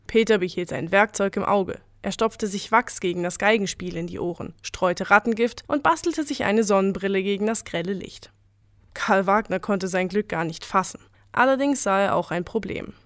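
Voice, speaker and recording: Calm woman narrating a folk tale. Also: mid-range voice, moderate pace, dry recording, clean studio sound. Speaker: storyteller.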